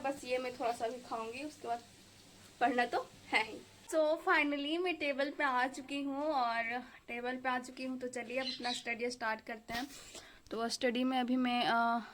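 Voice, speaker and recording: A young Indian woman preparing for exams chats casually in a home vlog, rambling with fillers as she cooks in her kitchen and studies at her table. Her voice is a little high and a bit bright.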